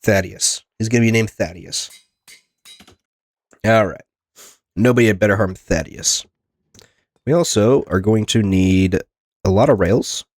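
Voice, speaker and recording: Talking a little slowly with long pauses, a man with a lowish voice hosts a gaming video while congested and plugged up from a lingering cold. He rambles easily, often speaking to himself and to the game's characters, with no room sound.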